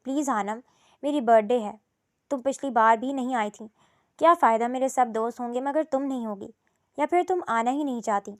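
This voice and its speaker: A woman's voice: a little high, natural voice. A woman voicing a cheerful, friendly rich young male student who mixes in English words in a storybook reading.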